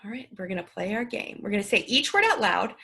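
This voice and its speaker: A woman's voice: medium pitch, expressive, quick pace, creaky, bright, forceful tone, slightly rough. A woman teacher talking through a home-learning lesson video in an upbeat, playful, encouraging way.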